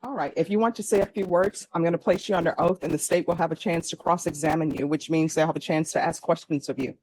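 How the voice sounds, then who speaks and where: A woman's voice: on the low side, fairly even intonation, quick pace, a little mellow, low-quality recording. A woman presiding as judge over a formal court hearing, giving firm instructions in a courtroom.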